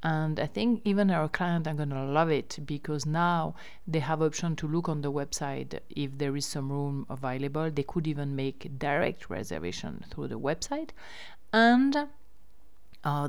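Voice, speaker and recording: Female host, deep clean tone, informal update delivery. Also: darkish tone, clear, resonant tone. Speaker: host running a riverside lodge and campsite. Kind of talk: casual spoken news update.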